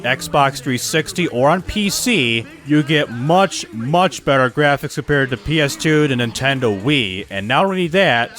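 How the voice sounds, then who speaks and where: A man's voice: medium pitch, fairly bright tone. A man casually commenting over a racing game, rambling with joking asides. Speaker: gameplay commentator.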